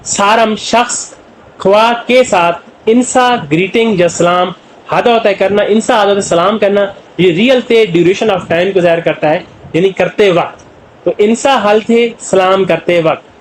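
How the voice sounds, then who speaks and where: A man with a Pakistani Urdu accent gives an explanatory classroom lesson in a fairly high voice. He works through words one at a time and fills pauses with stock phrases. A faint hum of room noise sits behind him. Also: poor audio. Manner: translates word by word, with many "jo hai na" fillers. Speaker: Korean language teacher.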